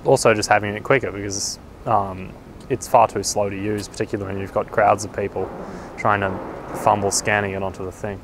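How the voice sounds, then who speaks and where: A man with a lowish voice talks fast and bluntly in a street vox pop. Faint noise is behind him. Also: little pitch movement, gravelly. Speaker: member of the public.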